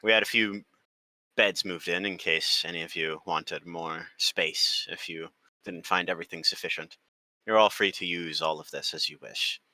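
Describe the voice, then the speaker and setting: A man with a low voice and a sharply bright, forceful tone runs a tabletop game as game master. His narration is calm and formal. He sounds dry and close to the mic. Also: moderate pace, dry recording, low-quality recording.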